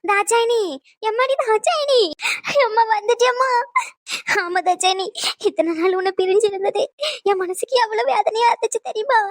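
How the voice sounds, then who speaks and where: A woman's voice: very high-pitched, moderate pace, dry recording, studio quality, pitched above the performer's own voice. A woman voicing a fussing old grandmother who speaks in a tearful, sing-song wail. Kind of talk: cartoon dub voice acting.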